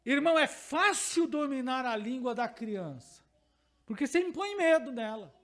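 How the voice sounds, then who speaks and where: High-voiced Brazilian pastor teaching. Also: male voice, animated, moderate pace, fairly bright tone. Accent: Brazilian Portuguese. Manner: emphatic, repeats key phrases, asks the congregation questions. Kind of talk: teaching sermon.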